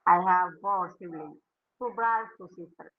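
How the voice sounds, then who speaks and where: A woman in her twenties from Somalia, a beginner English learner talking haltingly on a casual video call. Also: on the low side, phone-quality sound. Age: 20s.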